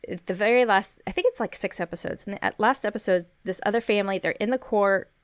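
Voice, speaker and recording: A woman's voice: mid-range voice, fast, no echo. A woman co-hosting a podcast in casual chat, talking freely, laughing often and swearing. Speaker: podcast co-host.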